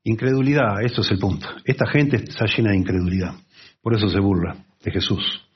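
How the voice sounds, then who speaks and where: A man preaching a conversational Bible sermon, with lively asides and acted-out quotes. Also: fairly low pitch, fairly quick, husky, lo-fi sound.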